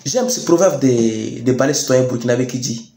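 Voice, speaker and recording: A young man with a Chadian French accent giving a rousing political address, emphatic and deliberate, with repeated phrases and rhetorical questions. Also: medium pitch, dark tone. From Chad. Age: young adult. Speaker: youth activist speaker. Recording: echoey room sound.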